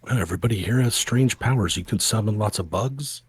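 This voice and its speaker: Husky, low-voiced male player. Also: fairly quick. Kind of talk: casual tabletop role-play.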